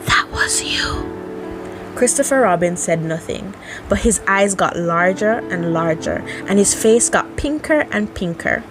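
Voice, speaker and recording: Female bedtime-story narrator, amateur audiobook feel, expressive range, faint music underneath. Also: medium pitch, a little slow.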